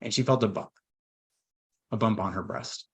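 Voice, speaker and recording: A man in his forties, lower-voiced than most, tells a personal story in a webinar. He speaks earnestly and heartfelt, with fillers, pauses and restarts. His voice is emotional at times. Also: breathy edge. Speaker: estate planning attorney.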